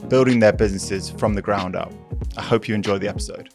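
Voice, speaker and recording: A man's voice: lowish voice, fast talker, creaky, over music. A man hosting a business podcast, talking in a friendly, conversational way and summing up his guest's answers. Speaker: podcast host. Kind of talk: casual interview chat.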